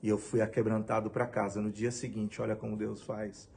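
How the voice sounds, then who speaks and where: A middle-aged man from Brazil tells his personal testimony in a gravelly, creaky voice. He talks in an emotional storytelling way, acting out the dialogue as he goes. A faint noise sits under his voice. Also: lowish voice, level tone, fairly quick, darkish tone. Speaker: pastor.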